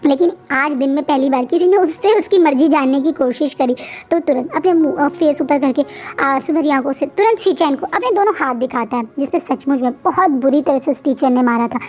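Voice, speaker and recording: Lady explaining a fanfic story, chatty, high voice, kinda muffled lo-fi. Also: darkish tone. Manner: chatty, frequent restarts and fillers. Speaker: fan-fiction narrator.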